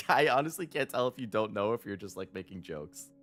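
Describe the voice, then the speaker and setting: Male streamer, lowish voice, rambling chat, faint game music behind. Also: animated, moderate pace, fairly bright tone. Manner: rambling, chatty, laughs often.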